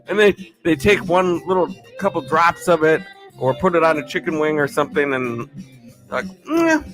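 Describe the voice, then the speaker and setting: A man hosting a casual livestream hangout, chatty and upbeat, laughing often as he reads viewer comments and thanks people warmly. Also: a little high, fairly even intonation, moderate pace, soft background music. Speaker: livestream host. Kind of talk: casual live-stream chat, reading comments.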